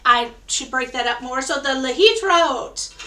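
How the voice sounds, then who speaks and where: A choir director runs an online rehearsal over a video call, teaching a simple round by ear and encouraging her singers. Her high voice stays fairly flat in pitch at a normal speed and sounds a little tired. She coaches through call-and-response and sings the demonstrations herself.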